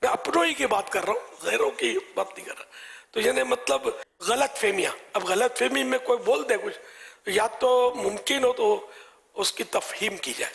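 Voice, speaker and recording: A man giving a live religious talk with soft-spoken advice, often dropping to a whisper. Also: sits high, vocal fry, in a large hall. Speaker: religious scholar.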